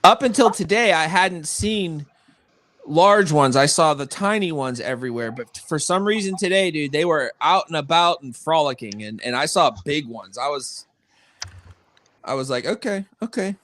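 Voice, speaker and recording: A man's voice: on the high side, expressive, normal speed, fairly bright tone, no echo. A man co-hosting a livestream, chatting casually, laughing easily and often restarting his sentences. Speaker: co-host. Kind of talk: casual chat.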